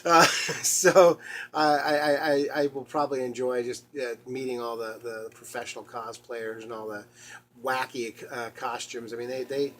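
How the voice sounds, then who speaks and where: A man talks on his own podcast, wandering from thought to thought and tripping over his words as he laughs along. His voice sits at an everyday middle pitch. A faint hum runs underneath the recording. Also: flat delivery, a bit bright. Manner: halting, many restarts and laughs. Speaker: podcast host. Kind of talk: rambling solo podcast talk.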